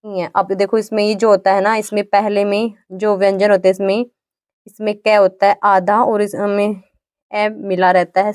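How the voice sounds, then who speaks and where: A woman teaching an exam-prep grammar lesson, patiently repeating definitions and sounding out each letter slowly. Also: mid-range voice, a little mellow, no room sound, studio quality.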